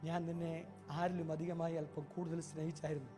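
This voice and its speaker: A man voicing a gentle, loving Lord who speaks tenderly to a soul arriving in heaven, in a slightly lower, quieter voice than his own. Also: level tone, brisk, over music, close to an everyday voice.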